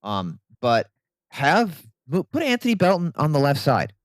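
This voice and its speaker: A man co-hosting a casual sports podcast, opinionated and animated, breaking down football players with the odd bit of sarcasm. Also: on the high side, a little slow, dry recording. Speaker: podcast co-host.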